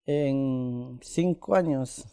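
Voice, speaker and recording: Soft-toned man. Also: medium pitch, clear, resonant tone. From Ecuador. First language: Quichua. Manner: halting, with many pauses and "eh" fillers. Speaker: interviewee. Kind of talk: casual conversation.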